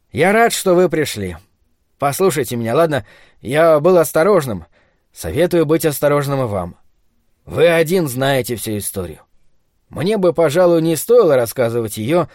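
Condemned prisoner, calm and confiding, read by a man, dry close voice. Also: a little high, normal speed, no echo.

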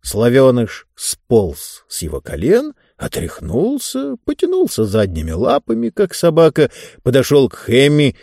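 Male audiobook reader; very lively intonation, dry booth-like sound, expressive storyteller. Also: mid-range voice, unhurried, creaky, hardly any pauses, dry recording. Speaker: narrator. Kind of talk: scripted audiobook narration.

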